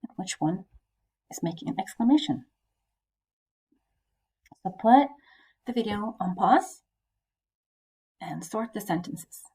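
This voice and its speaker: Husky woman teacher explaining a lesson. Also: medium pitch, lively intonation, slow pace, pauses often, dark tone. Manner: explains with frequent fillers and rhetorical questions. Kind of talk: recorded classroom lesson.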